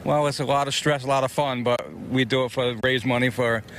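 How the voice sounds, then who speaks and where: A man at an outdoor fair food booth answers a reporter's questions, talking quickly. His replies are plain and matter-of-fact with a dry touch of humor. Faint outdoor noise runs underneath. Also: mid-range voice, steady tone, a bit bright. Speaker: veterans' group food booth volunteer. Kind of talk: casual interview answers.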